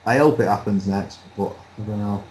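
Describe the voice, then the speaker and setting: A man chatting casually as a pundit, relaxed and rambling, with a light laugh now and then. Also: lowish voice, moderate pace, a little hiss or hum, low-quality recording. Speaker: boxing pundit. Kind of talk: casual chat.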